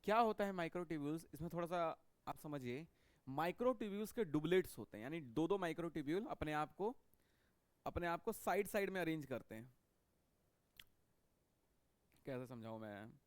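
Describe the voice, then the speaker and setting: Man, biology teacher, repetitive lecturing manner, slightly high voice, dry close sound. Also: animated, normal speed, no room sound. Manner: repetitive, checks understanding with frequent "okay". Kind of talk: classroom lecture.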